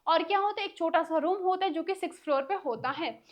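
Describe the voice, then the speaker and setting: High-pitched female tutor explaining a textbook story in a Hindi-English mix, reading slowly and glossing casually. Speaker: English teacher.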